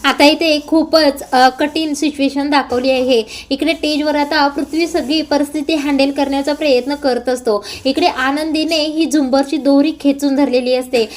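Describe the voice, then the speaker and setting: A woman narrating a serial episode recap in a casual, steady storytelling manner. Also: high-pitched, moderate pace, few pauses. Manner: plain, steady retelling.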